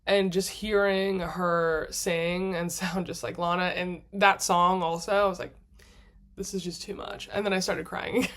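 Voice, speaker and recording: A woman's voice: lowish voice, little pitch movement, a little slow, few pauses. A woman vlogger telling a travel story in a casual, gushing way, laughing often and acting out her own thoughts in quoted asides. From United States. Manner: chatty, gushing, laughs often mid-sentence.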